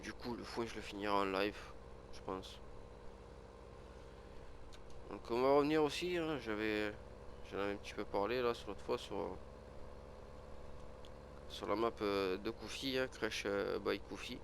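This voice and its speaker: A male gaming creator, sick with a cold and sniffling, chats casually about his farming game at a normal speed. His voice is on the low side with vocal fry, he rambles through fillers and restarts, and there's slight background noise.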